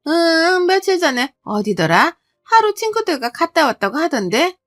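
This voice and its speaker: A woman's voice: very high voice, sing-song, moderate pace, a bit bright, dry recording, studio quality, faint music behind, pitched above the performer's own voice, full character voice. A woman voicing an older mother-in-law who talks in a casual, matter-of-fact way. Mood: offhand.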